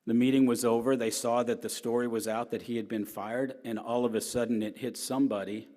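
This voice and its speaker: In a brisk, steady, medium-pitched voice that's still loud and strong, the middle-aged columnist gives a personal talk to an audience. He tells his stories earnestly, alternating emphatic peaks with quiet asides, amid the long reverb of a large hall.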